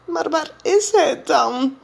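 A woman voicing a small scared little boy in a high childish voice. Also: animated, slow, gravelly, exaggerated voice. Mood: fearful.

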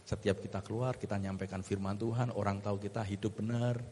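A man's voice: lowish voice, steady tone, fairly quick, dark tone, a little hiss or hum. Earnest male pastor in a reverberant church. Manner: earnest storytelling, with slips and restarts. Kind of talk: sermon testimony.

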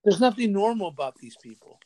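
High-voiced hesitant man in chat. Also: sing-song, brisk, warm tone, no room sound. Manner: hesitant, trailing off with fillers. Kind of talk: casual chat.

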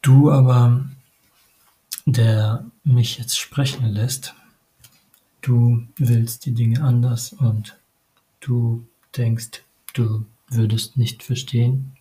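A man giving a meditative spiritual monologue, addressing the listener directly in short, halting phrases with frequent hesitations. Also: mid-range voice, level tone, dark tone, poor audio.

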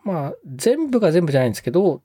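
A man co-hosting a casual podcast, polite and a little hesitant, pausing on fillers. His voice is mellow and dark but moves lively in pitch. The sound is dry and close. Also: husky, dry recording. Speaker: podcast co-host.

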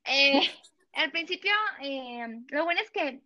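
Young Mexican woman, interview guest; high, animated storyteller voice; dull, dry recording. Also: slow, dry recording. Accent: Mexican Spanish. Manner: animated storytelling, acts out dialogue, laughs often. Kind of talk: casual interview chat.

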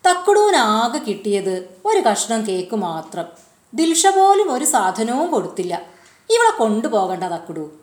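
A cheeky storybook boy teases his friends in a bright, lively voice, as a woman puts him on. Roomy echo. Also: fairly high pitch, unhurried. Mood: teasing. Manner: teasing.

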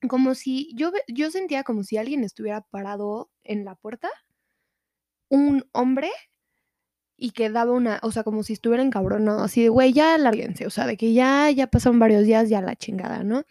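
A young woman with a Mexican Spanish accent tells a story in casual, slangy podcast chat. Her voice sits a little high and lively. The sound is close and dry, with no room around it. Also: fairly quick, no echo. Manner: animated, slangy, acts out quotes. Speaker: podcast co-host.

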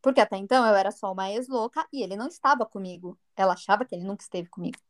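A woman's voice: mid-range voice, rapid-fire. A Brazilian woman telling a personal story in casual chat, acting out the voices in what she quotes. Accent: Brazilian Portuguese. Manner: animated, acts out quoted dialogue. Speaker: storyteller guest.

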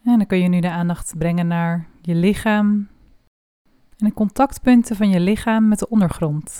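A woman leading a guided body scan meditation, speaking slowly and softly with long pauses. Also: mid-range voice, clean tone, no echo, clean studio sound. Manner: slow, soft and calm with long pauses.

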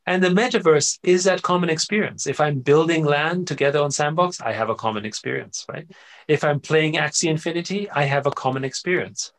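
A middle-aged man from Austria, speaking as an interview guest in an animated, conversational way, often checking in with "right?" and "you know.". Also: fairly high pitch, a little fast.

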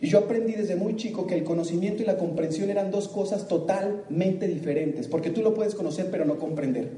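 High-voiced man addressing a crowd. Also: brisk, mellow, far from the mic, slight background noise. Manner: asks the audience questions, acts out their answers, laughs often. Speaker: motivational speaker. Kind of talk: live talk to an audience. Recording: echoey room with faint ambience.

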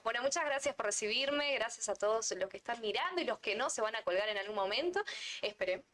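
A woman's voice: on the high side, expressive, fast talker, a bit bright. A native Spanish-speaking woman chatting casually as a podcast guest, switching between Portuguese and Spanish. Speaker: podcast guest, digital influencer. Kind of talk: casual chat.

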